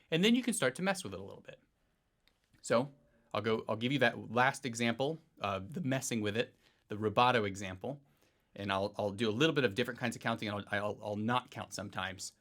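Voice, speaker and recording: A man teaching a piano lesson, explaining rhythm in a relaxed way and counting beats aloud in a sing-song voice. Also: mid-range voice. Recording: faint piano music underneath. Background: piano playing.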